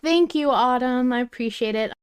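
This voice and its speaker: A woman with a high, clear, resonant voice at normal speed hosts a podcast. In this casual chat she talks emphatically, shares opinions and swears casually.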